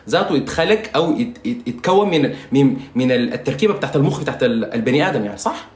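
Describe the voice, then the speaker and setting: A man's voice: mid-range voice, echoey room, slight background noise. A man with a Sudanese Arabic accent, a singer ranting casually to his viewers while doing his makeup, rambling and mocking, often asking if they understand. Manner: rambling, mocking, insulting, with frequent "you understand?".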